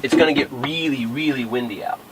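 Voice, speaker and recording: A man speaks at a medium pitch in a plain, casual explanatory way, like a sailor walking viewers through his boat. Clear windy ambient noise sits behind his voice. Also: fairly quick. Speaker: liveaboard sailor, vlog host.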